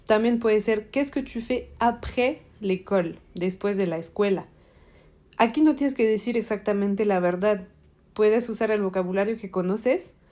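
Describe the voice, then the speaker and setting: A woman teacher leads a French exam-prep lesson at an unhurried, measured pace. She switches between explanations and model answers, saying each answer slowly and often twice so students can follow. Her pitch sits in a middle range. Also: warm tone. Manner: slow, deliberate, repeats model answers.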